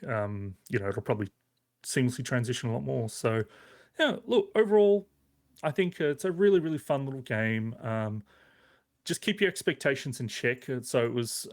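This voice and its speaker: A podcast reviewer with a medium-pitched voice gives a casual, conversational game review. He rambles a bit, his phrasing hesitant yet enthusiastic.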